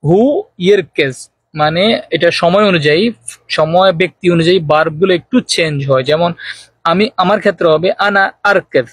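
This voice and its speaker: Husky man teaching spoken Arabic. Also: sits high, no echo. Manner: slow, careful repetition of example phrases. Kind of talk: spoken language lesson.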